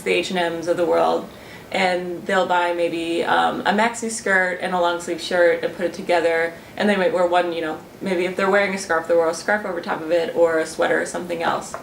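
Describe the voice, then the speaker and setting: A student researcher, a young woman with a fairly low voice and vocal fry, discusses her research in an interview. She speaks reflectively, often using fillers and starting over. A little hiss or hum sits in the roomy, slightly distant recording, along with faint ambience.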